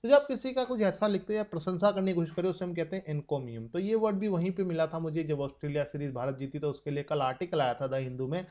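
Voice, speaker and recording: A young man with an Indian accent gives an exam-prep vocabulary lesson. His voice is slightly high and warm, and he slows right down to read each English example sentence carefully. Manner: explains in Hindi, reads English example sentences slowly. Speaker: vocabulary teacher.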